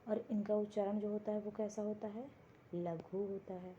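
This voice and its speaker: Female teacher, warm mellow tone, walks through a lesson by posing and answering her own questions. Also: mid-range voice, steady tone, lo-fi sound, a little hiss or hum. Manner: slow, explains step by step, asking and answering her own questions. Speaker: Hindi grammar teacher. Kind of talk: classroom-style exam prep lesson. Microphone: board lesson video, writing while talking.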